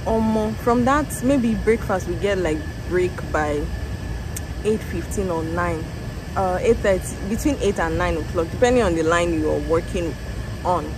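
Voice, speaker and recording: A young woman, tired after a factory shift, telling her day in an animated casual vlog into a phone held at arm's length outdoors. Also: lowish voice, unhurried. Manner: tired, animated storytelling with laughs and exclamations. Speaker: vlogger. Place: outdoors in a parking lot beside a factory building. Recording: phone outdoors with traffic noise.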